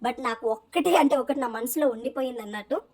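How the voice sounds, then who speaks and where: Fast-talking high-voiced Telangana woman. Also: a little mellow. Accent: Telangana Telugu. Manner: chatty, rapid storytelling with English words mixed in. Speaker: vlogger. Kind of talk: casual voice-over vlog narration.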